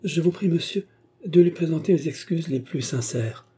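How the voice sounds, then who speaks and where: A man reading aloud, voicing an earnest, sulky young gentleman in a dark, husky voice. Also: mid-range voice, lively intonation, moderate pace. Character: young gloomy, impulsive gentleman in love.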